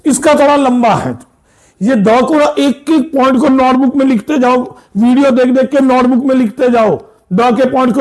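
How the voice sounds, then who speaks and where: A man's voice: extremely high pitch, darkish tone. A man teaching English grammar to school students, explaining patiently, repeating points and often checking that they follow. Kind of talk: classroom grammar lesson.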